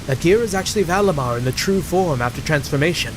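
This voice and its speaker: A man voicing a composed male doctor-strategist with a British accent slipping in, speaking in a measured, even way, with game music behind. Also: a little high, background noise, close to an everyday voice. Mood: calm. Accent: British, put on.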